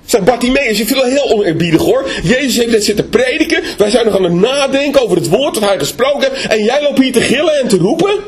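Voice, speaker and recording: A man voicing a haughty, pious male bystander who condescendingly scolds a beggar to be quiet. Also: high-pitched, very animated, moderate pace, long pauses. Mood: scornful.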